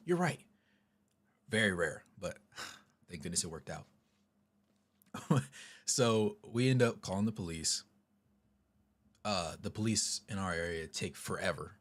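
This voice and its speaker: A man telling a story casually to his vlog audience, chatty and animated with asides. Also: on the low side. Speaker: vlogger, storyteller.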